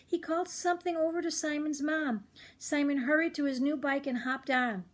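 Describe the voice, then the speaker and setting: As a read-aloud host for kids, an older woman brings a chapter book to life with expression and drops in friendly little comments for her young audience. Her voice is high-pitched with fairly even intonation, and she speaks at a normal speed.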